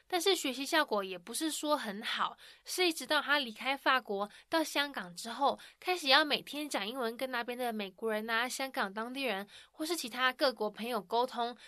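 A woman narrates a radio recap with a bright, crisp voice pitched a little high. She stays upbeat and chatty, finishing her sentences with soft particles. The recording is dry and close-miked. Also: no echo.

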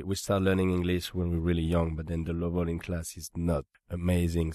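A French man speaking English with a strong French accent, a DJ chatting casually as a radio guest in a relaxed, easygoing way. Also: sits low, no echo. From France. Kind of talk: casual interview chat.

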